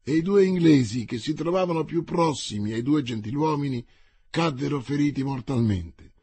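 A man's voice: a little high, darkish tone, slightly rough, no room sound. A man narrating an adventure novel as an audiobook, with a dramatic, paced reading.

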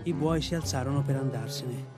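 A man narrating an audiobook in a measured storytelling manner. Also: mid-range voice, over loud music. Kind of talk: audiobook reading.

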